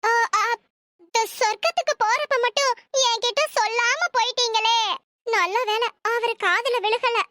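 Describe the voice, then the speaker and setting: A woman's voice: extremely high pitch, moderate pace, background noise. A woman voicing a sly young daughter-in-law in a comic cartoon, talking in a whiny, dramatic, wailing way.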